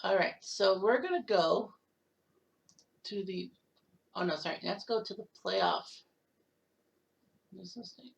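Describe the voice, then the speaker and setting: A woman hosting a casual recap of a simulated baseball season, reading off league leaders with quick asides and self-corrections. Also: medium pitch, vocal fry, low-quality recording. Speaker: host. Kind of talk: casual game stats recap.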